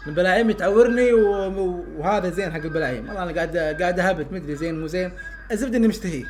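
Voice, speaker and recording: A young man, his voice sitting very high and his words tumbling out quickly. He calls a football match as a live reaction, dropping to low muttering between plays, then erupting into excited shouts when a chance comes. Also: slight background noise.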